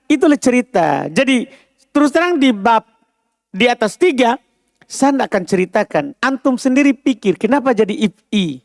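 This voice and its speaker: A man's voice: very high voice, sing-song, moderate pace, vocal fry, dry recording, studio quality. A man teaching an Arabic lesson, explaining patiently and often checking whether students understand. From Indonesia. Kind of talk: classroom lesson.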